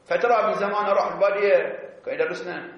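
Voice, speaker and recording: A man giving a seminary lecture, explaining animatedly and drawing out key words slowly. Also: high-pitched, steady tone. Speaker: teacher of religious jurisprudence. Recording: echoey, dull lo-fi classroom recording.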